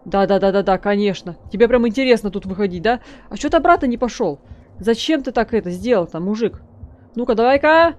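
A woman's voice: mid-range voice, expressive, a little fast, a little mellow. A woman hosting a let's play, chatting casually and joking while she talks to her viewers and to the characters on screen. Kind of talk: casual gameplay commentary.

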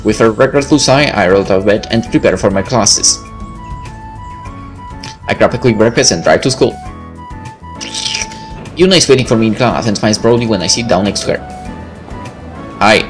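A gameplay host with a voice on the low side narrates a visual novel at a normal pace, leaving long pauses. He chimes in with casual, joking asides full of swearing, and game music plays in the background.

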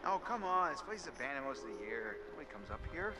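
A man's voice: mid-range voice, big pitch swings, fast, natural voice, poor audio. An actor voicing a cocky, playful young male college student in a video game. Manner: joking, playful. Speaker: game character.

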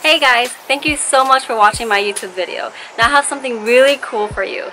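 High-voiced young woman counting down workout reps. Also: brisk, bright, forceful tone. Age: 20s. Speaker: fitness video host. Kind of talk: upbeat workout coaching. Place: large indoor gym studio with wooden floor and mirrors. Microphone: camera a few steps away. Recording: echoey gym hall. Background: music.

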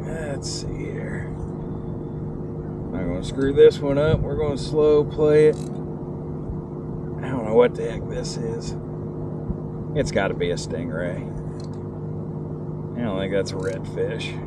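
A middle-aged man, excitedly fishing from a kayak outdoors and talking to the fish, recorded on a kayak-mounted camera. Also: mid-range voice, slow, long pauses. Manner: excitable, talks to the fish, exclaims loudly. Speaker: kayak angler. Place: kayak on open tidal water, outdoors. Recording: loud wind and water noise outdoors. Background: wind and water.

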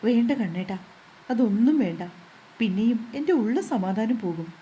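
An anxious young wife pleads in a worried, tender voice, pitched fairly high and mellow, as a woman narrator gives her lines. A faint hiss sits behind. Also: expressive, moderate pace, lo-fi sound, close to an everyday voice. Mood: sad.

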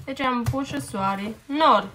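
Woman, mother, bright higher voice, patient, repeats words slowly, prompting tone. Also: a little hiss or hum. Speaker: mother helping her child with homework. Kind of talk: casual coaching at home.

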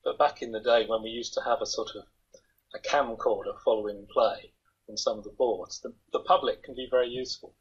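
He's an older interviewee on a video call from home, chatting in a meandering way and making light of himself. The voice sits at medium pitch with a steady tone, slightly rough and fairly quick. Sound comes through a laptop webcam and is dull, lo-fi call audio.

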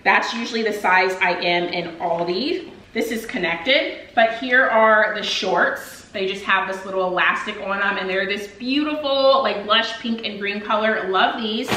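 A woman's voice: medium pitch, measured pace, pushed and bright, slight background noise. Chatty young woman in an echoey kitchen. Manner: upbeat, chatty, addresses viewers as "you guys". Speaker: vlogger. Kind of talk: casual haul video chat. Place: home kitchen, indoors. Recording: echoey room.

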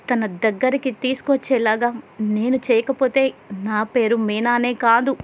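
A woman voicing a determined young wife who makes a slow, emphatic promise to a child. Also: fairly high pitch, slight background noise, close to an everyday voice. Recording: dull lo-fi sound.

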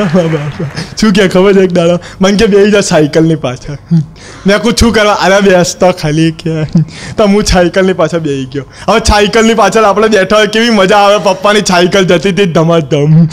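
A stand-up comedian plays a cheeky schoolboy in a comic monologue, his voice sitting unusually high for a man. He tells the story with sly mischief, acting out the lines of the people he quotes, while a faint hum of background noise runs beneath the recording.

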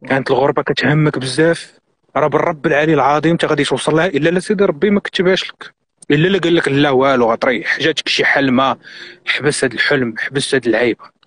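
A man's voice: fairly high pitch, racing, a bit bright. A middle-aged man from Morocco with a Moroccan accent, a guest on a live stream, giving earnest, insistent advice and mixing in French and English words.

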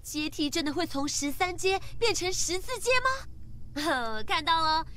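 A woman's voice: very high voice, lively intonation, takes it slowly, sharp tone, slight background noise, exaggerated voice. An actress playing a cheerful young woman hosting a livestream in a video game, upbeat and presenter-like.

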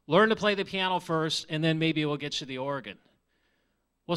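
A missionary in his forties with a Minnesota accent gives his testimony from the stage of a large church sanctuary, speaking into a handheld mic before an audience. His voice is a little high, pushed, bright and smooth, and he's earnest and conversational, asking the audience questions.

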